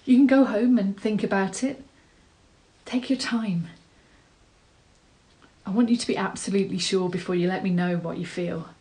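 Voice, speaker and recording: This actress sounds close to her everyday voice: mid-range, mellow and steady, at normal speed with frequent pauses. She performs a monologue as a tender, nervous woman rambling through a marriage proposal, earnest, hesitant, self-deprecating and hopeful.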